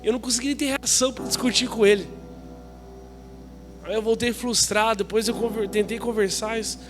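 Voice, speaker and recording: A young Brazilian man, a pastor, telling a personal story in a sermon and acting out the voices of the people in it. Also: sits high. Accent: Brazilian Portuguese. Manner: lively storytelling, acting out dialogue.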